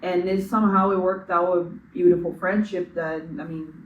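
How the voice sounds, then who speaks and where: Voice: mid-range voice, steady tone, moderate pace, dull audio. A young podcast co-host from Brazil, chatting reflectively at length with many fillers. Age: young adult. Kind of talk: casual chat. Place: room in a school building. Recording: echoey room, distant mic.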